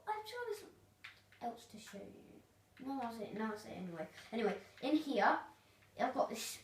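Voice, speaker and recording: A woman casually narrating a tour of her video game world, rambling and hesitant with lots of fillers. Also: mid-range voice. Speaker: gamer giving a tour of their world. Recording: roomy, distant mic, faint noise.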